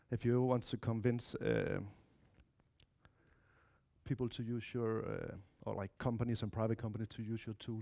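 In a lecture room, a thirtysomething developer with a Danish accent delivers a casual tech talk, his lowish, warm voice touched with vocal fry. He chats and drops asides for the audience. His family is mixed Spanish-Danish, and he comes from Denmark or Spain.

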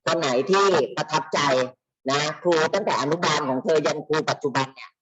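A man who is a teacher, telling classroom stories in a lively way over a video call and acting out the voices of his students. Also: on the high side, fairly quick, low-quality recording. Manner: animated, acts out students and teachers in quoted voices. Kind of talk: storytelling talk.

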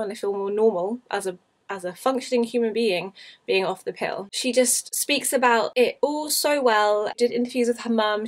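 A woman in her twenties with a British accent, chatting candidly and casually as a vlogger. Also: mid-range voice. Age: 20s. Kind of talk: casual personal vlog chat.

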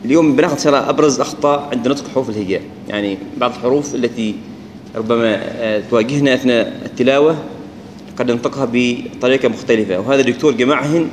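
A man with an Omani Arabic accent teaches tajweed, drawing words out slowly and saying them again and again to compare right and wrong sounds. His voice sits at an ordinary middle pitch. It rings out in a roomy, echoing space, with a faint hiss in the background. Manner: casual, repeats words slowly to show right and wrong pronunciation. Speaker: Quran recitation teacher. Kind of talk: tajweed lesson.

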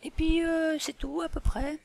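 A woman's voice: very high voice, flat delivery, creaky, a little mellow, dry recording, exaggerated voice. Woman voicing a patient animal schoolteacher. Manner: didactic, slow, full of fillers. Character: patient female animal schoolteacher, a bit muddled. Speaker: teacher. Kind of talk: toy role-play lesson.

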